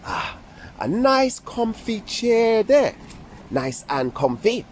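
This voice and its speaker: A man acts out a chatty, excitable girl doll giving a playful tour for a kids' video. The delivery is a slow drawl that swoops up and down and lingers over repeated phrases. Clear background noise sits behind the amateur recording. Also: high-pitched, heavily acted. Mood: leisurely, pleased.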